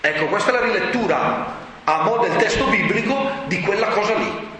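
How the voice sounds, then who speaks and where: A man preaches a sermon, rhetorical and animated, raising his voice to shouts for emphasis. His voice sits high and swings widely in pitch. It rings through a reverberant hall, with faint ambience behind it. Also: normal speed, a little hiss or hum.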